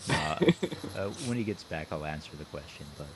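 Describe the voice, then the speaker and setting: A man's voice: rumbling low, sing-song, a little fast, creaky, crowd noise. A man hosting a casual group chat, teasing his friends playfully. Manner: teasing, playful, counts down jokingly. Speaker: podcast host.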